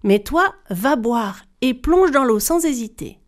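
A wise old witch granny , voiced by a woman telling a folktale, her voice pitched a little high and pressing. She lays out her instructions slowly and insistently, like a riddle to be obeyed. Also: expressive. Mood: instructing. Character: old grandmother witch who gives advice.

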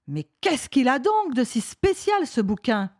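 A woman voicing a grumpy old man who grumbles gruffly in a children's story reading. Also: high voice, big pitch swings, measured pace, a little mellow, heavily acted. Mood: grumbling.

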